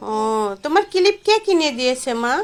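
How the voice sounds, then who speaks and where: A woman, gently asking a toddler questions in a coaxing, sing-song home-video chat on a phone camera. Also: extremely high pitch, expressive, a little fast. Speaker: parent filming a toddler.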